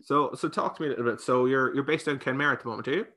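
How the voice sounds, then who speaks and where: A man's voice: mid-range voice, rapid-fire, bright, forceful tone. An Irish man interviewing casually and conversationally as a podcast host.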